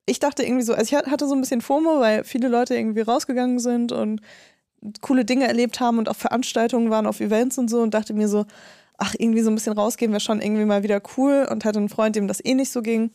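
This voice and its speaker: A woman in her thirties co-hosting a podcast, telling a story in animated casual chat and swearing freely. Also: a little high, fast, dry recording, studio quality. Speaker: podcast co-host.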